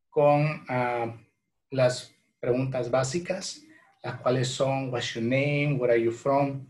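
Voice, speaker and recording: A man in his thirties with a Salvadoran Spanish accent gives an online English lesson for beginners. He says each phrase slowly and carefully, then repeats it in Spanish. His voice sits at an ordinary middle pitch, recorded on a desk webcam in a small room at home. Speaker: English teacher.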